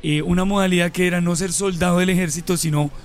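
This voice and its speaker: A Colombian man in his forties, a guest telling stories from his life in a relaxed, casual interview. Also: high voice, fast, soft background music. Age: 40s. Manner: relaxed storyteller, mixes local slang.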